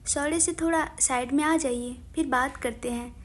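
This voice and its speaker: A woman voicing an affectionate young husband who teases his wife in a soft, lowered voice. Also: normal speed, lightly acted. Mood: fondly teasing. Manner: soft, lowered, gently teasing.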